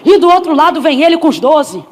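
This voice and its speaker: A woman preacher with a Brazilian Portuguese accent, delivering an animated, storytelling sermon and acting out voices. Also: sits high, a little fast. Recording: long hall reverb with faint crowd.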